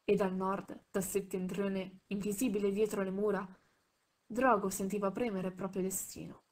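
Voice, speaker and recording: Woman reading a novel in a flat voice. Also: medium pitch. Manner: measured, with small slips and self-corrections. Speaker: audiobook reader.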